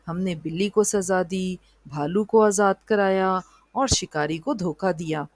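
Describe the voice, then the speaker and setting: A woman's voice: fairly low pitch, unhurried, dry recording, natural voice. A woman voicing a small, boastful male animal sidekick in a storybook tale.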